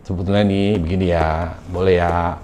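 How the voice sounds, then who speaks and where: Brief: gentle, hesitant wife, put on by a male preacher in his own lowish voice, halting and apologetic. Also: little pitch movement, slight background noise, lightly acted. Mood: hesitant, pleading. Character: soft-spoken apologetic wife, adult woman.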